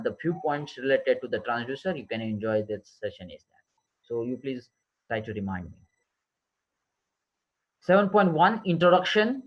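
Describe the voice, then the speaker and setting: A man, an engineering lecturer who slowly dictates notes and repeats terms for his class. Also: medium pitch, lo-fi sound. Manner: slow, repetitive dictation, switching between English and Marathi.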